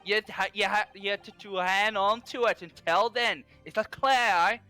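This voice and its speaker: A Dutch-speaking man voicing a gruff middle-aged coachman in a hammy put-on Irish accent that keeps slipping. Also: high-pitched, moderate pace, bright, forceful tone, soft background music. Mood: scheming.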